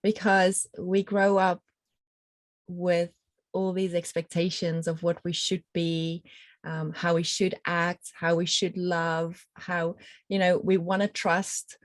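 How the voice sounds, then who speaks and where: A woman co-hosting a casual spiritual conversation, reflective and empathetic, pausing thoughtfully as she talks. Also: fairly low pitch, level tone, dry recording. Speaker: podcast co-host.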